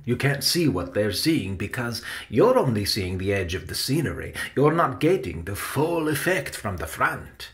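A man voicing a kindly adult backstage helper who explains things gently, in an audiobook. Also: mid-range voice, big pitch swings, moderate pace, hardly any pauses. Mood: reassuring. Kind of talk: audiobook character voice.

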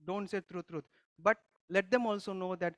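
A man with a high voice preaches a conversational church sermon. He often stops to put questions to the congregation and restarts his sentences as he goes. His voice sounds dry and close. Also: fairly even intonation, moderate pace, no echo. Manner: teaching with frequent questions to the congregation and many restarts. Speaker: pastor. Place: church service.

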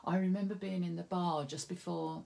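A woman's voice: fairly low pitch, fairly even intonation, fairly quick, vocal fry, a little mellow. A woman hosting a craft video, chatting and giggling through rambling stories, a little stuffy from hay fever. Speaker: craft tutorial host. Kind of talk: casual chat to viewers.

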